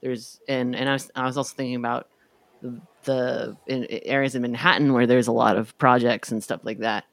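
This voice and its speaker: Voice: medium pitch, level tone, fairly quick, gravelly, fairly bright tone, no echo. A podcast co-host in casual political chat, meandering and hedging with many fillers.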